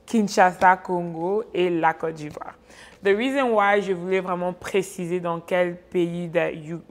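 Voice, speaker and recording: A young woman hosting a talk show, mixing French and English and laughing often. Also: fairly low pitch. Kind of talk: casual hosted chat.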